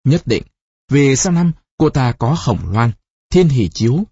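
Calm, sing-song fortune teller, as a narrator puts her on. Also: medium pitch, measured pace, husky, no room sound, muffled recording, full character voice.

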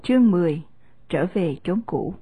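A woman narrating a novel chapter in a steady, measured storytelling voice. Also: lowish voice. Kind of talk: scripted audiobook narration of a novel.

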